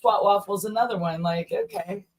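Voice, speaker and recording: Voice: medium pitch, huge pitch swings, moderate pace, rough recording. A co-host in casual chat, giggly and often apologetic.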